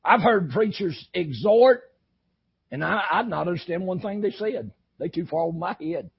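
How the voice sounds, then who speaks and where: Gravelly high-voiced preacher. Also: male voice, expressive, moderate pace, lo-fi sound. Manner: impassioned, swings from shouting to low intensity. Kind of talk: fiery sermon.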